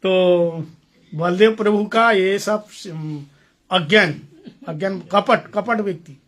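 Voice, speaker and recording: A man's voice: sits high, slow pace, fairly bright tone. A man giving a storytelling sermon to a gathering, playful, acting out the dialogue and putting questions to his listeners. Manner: playful, acts out dialogue, asks audience questions. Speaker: spiritual teacher.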